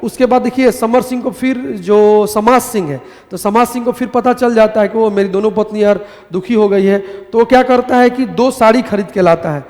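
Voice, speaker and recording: Big-room acoustics surround a high-pitched man teaching grammar to a live class at normal speed with few pauses. Animated, he weaves in short stories and answers his own questions.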